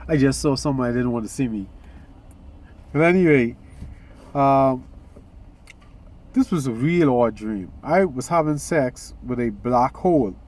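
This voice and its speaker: A man's voice: medium pitch, expressive, unhurried, long pauses, darkish tone. A man hosting a casual spiritual vlog, talking in a rambling way with many restarts and occasional yawns. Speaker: vlog host.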